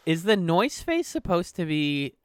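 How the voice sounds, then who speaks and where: Smooth-voiced man on a podcast. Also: fairly high pitch, big pitch swings, measured pace, no echo, clean studio sound. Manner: reads entries aloud, jokey and laughing. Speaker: podcast co-host. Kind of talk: casual podcast chat.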